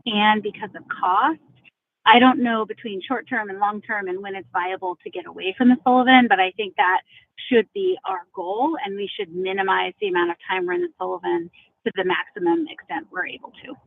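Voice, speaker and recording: A woman assembly member calling in to a committee meeting on a car speakerphone while driving, giving her views in a measured way. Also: medium pitch, dry recording. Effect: car speakerphone call. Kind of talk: meeting discussion by phone. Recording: tinny phone line, faint car noise.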